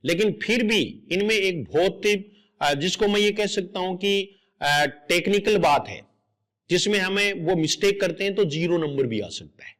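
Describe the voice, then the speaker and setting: A man's voice: high voice, expressive, moderate pace, a bit bright. A middle-aged man teaching exam grammar in a patient lecture, explaining step by step and repeating each correct word aloud.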